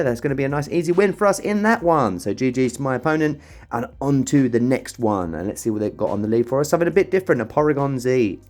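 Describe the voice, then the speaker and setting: A man's voice: medium pitch, a little mellow. A young man commentating on his own gameplay, explaining moves and ranting when the game annoys him. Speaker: gaming commentator.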